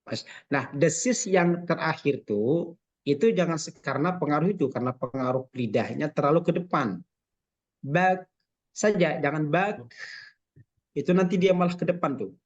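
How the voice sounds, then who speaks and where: A man's voice: fairly high pitch, expressive, moderate pace, husky. A man teaching Quran recitation in an online lesson, patiently repeating each sound to demonstrate it. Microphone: video call microphone. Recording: dull lo-fi online call audio.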